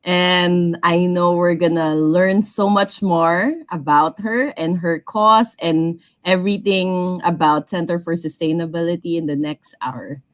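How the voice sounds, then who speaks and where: Low-voiced woman host, dry sound. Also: unhurried, hardly any pauses, no echo. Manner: warm-hearted, rambling, restarts often. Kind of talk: casual chat.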